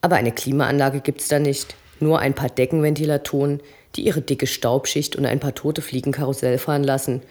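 A reader narrating a crime novel in an even, conversational manner. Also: mid-range voice, brisk, few pauses. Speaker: audiobook reader. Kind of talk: reading fiction aloud.

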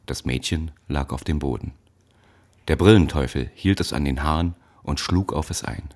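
A man narrates a story in a measured, dramatic audiobook style. His voice sits extremely low and deep. He reads the tense scenes steadily. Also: a little mellow.

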